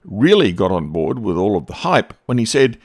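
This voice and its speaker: Expressive male history narrator. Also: fairly low pitch, moderate pace, dry recording, studio quality. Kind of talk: scripted narration.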